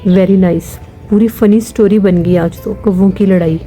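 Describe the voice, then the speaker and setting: A woman's voice: medium pitch, steady tone, moderate pace, mellow, faint music behind. A woman family vlogger from Pakistan giving amused, chatty live commentary while filming birds outdoors.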